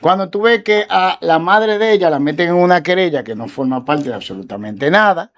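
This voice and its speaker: A man, a guest lawyer on a talk show, telling a case story in a casual, animated way and acting out the quoted dialogue. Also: a little high, a little fast.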